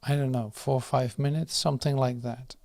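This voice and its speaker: A man guiding a meditation and slowly reading a prayer, soft and unhurried, with pauses and fillers. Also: mid-range voice, steady tone, vocal fry, no room sound, clean studio sound. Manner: reads the prayer slowly and firmly. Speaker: meditation guide. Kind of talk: guided meditation.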